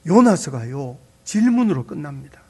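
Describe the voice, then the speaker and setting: Gravelly, husky-voiced preaching pastor. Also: male voice, a little high, moderate pace. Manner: animated preaching with repeated questions to the congregation. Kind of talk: sermon. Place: church sanctuary.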